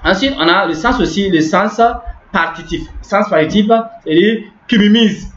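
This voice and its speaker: A man's voice: high-pitched, moderate pace, a bit bright. A man teaching a grammar lesson step by step, repeating words and often checking understanding. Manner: repetitive, explaining step by step with frequent "n'est-ce pas". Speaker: language teacher. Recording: echoey room, dull lo-fi sound.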